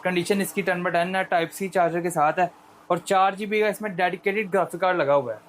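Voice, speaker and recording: A male shop seller with a Pakistani accent giving an unscripted, persuasive sales pitch in repetitive patter. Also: fairly even intonation, brisk, a little hiss or hum.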